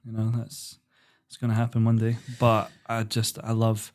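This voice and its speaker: Calm young man telling stories. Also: lowish voice. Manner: calm, unhurried storyteller. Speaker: podcast guest. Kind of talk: casual chat.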